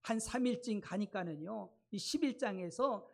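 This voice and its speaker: A man's voice: sits high, normal speed, vocal fry. A man preaching a sermon as a pastor in a church, retelling stories in a colloquial way and asking the congregation rhetorical questions. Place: church sanctuary.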